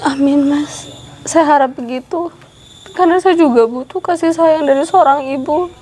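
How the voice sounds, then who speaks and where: A woman's voice: high-pitched, normal speed, dark tone, a little hiss or hum, natural voice. Woman playing a sad, meek young woman. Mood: sorrowful. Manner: meek, sorrowful. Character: sad young woman fleeing her stepmother. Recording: guitar music behind the voice.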